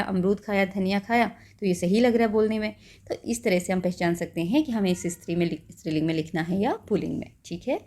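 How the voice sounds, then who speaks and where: A woman teacher explaining a school lesson patiently, checking in with the listener often and slowing down to spell out words. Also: mid-range voice, darkish tone.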